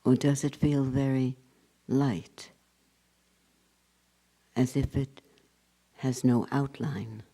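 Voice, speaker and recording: This man, a spiritual teacher guiding a meditation, talks in short bursts with lengthy silences between them and softly fading endings. His voice sits in the middle range, holds a fairly level intonation, and carries vocal fry.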